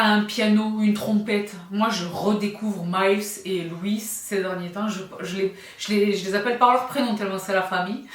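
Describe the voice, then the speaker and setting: A woman's voice: medium pitch, a bit bright, echoey room, far from the mic. A woman beauty vlogger chatting casually and effusively while reviewing skincare products, laughing often.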